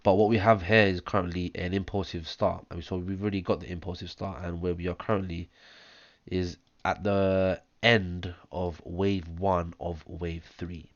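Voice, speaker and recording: Hoarse low-voiced man talking through charts. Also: little pitch movement, normal speed, dry recording, dull audio. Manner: talks step by step through wave counts, many ums. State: hoarse, chesty cough. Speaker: trading analyst. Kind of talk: screen-share chart analysis. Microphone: close mic, audible breathing.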